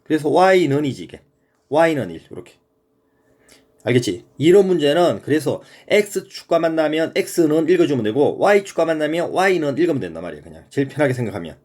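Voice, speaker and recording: A man's voice: on the high side, very animated, normal speed, darkish tone. A man teaching a middle-school math lesson in a casual, conversational way, often checking that the student follows.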